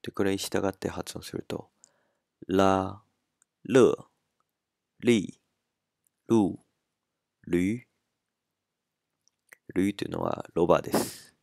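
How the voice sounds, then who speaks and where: A man teaching a language lesson in a relaxed spoken style, working slowly and carefully through pronunciation drills. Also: low voice, vocal fry, dry recording, clean studio sound.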